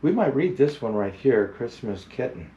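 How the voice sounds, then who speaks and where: A man playing a jolly old Santa Claus who hosts a picture book reading in a gentle, halting, unhurried manner. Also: mid-range voice, big pitch swings, highs cut off, a little hiss or hum, natural voice. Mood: friendly, rambling.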